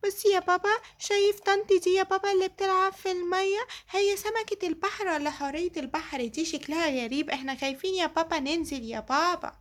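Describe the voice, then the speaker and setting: A woman's voice: very high voice, fast talker, hardly any pauses. A woman voicing a small child in a cartoon, who speaks with an Egyptian Arabic accent and pleads with her father, repeating "daddy" over and over. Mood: fearful.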